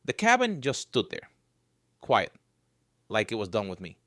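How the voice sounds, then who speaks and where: A man's voice: fairly low pitch, wildly swooping pitch, measured pace, no echo, studio quality. Wry man narrating a horror story. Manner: wry, joking storyteller with dark humor. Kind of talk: scripted first-person horror narration.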